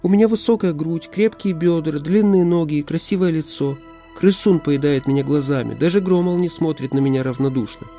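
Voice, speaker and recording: Audiobook: male reader plays a desperate young forest woman, high and breathless. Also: brisk, warm tone, faint music behind, natural voice. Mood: pleading. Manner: pleading, breathless, intense.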